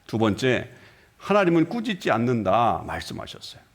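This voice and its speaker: A man's voice: medium pitch, wildly swooping pitch, normal speed. A middle-aged man preaching a sermon as senior pastor, asking the congregation rhetorical questions and acting out short dialogues. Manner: acts out short dialogues with shifting voices. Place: church sanctuary.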